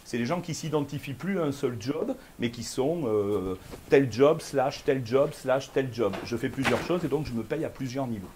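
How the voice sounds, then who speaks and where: A man giving a fast, lively conference keynote, talking straight to the audience with frequent questions. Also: medium pitch, a little hiss or hum. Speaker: keynote speaker. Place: conference room before an audience.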